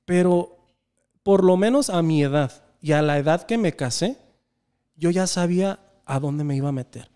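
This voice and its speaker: Mexican man in his thirties, earnest reflective storyteller, slightly high, mellow tone. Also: moderate pace, clear, resonant tone. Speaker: podcast guest. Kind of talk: casual conversation.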